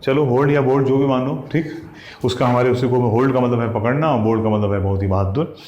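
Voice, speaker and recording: A man's voice: medium pitch, steady tone, fairly quick, darkish tone, lo-fi sound. A man teaching exam vocabulary, who spells out words letter by letter and keeps checking in with his students. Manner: addresses students as "साथियों" and "भैया". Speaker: English teacher. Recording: echoey room with faint ambience.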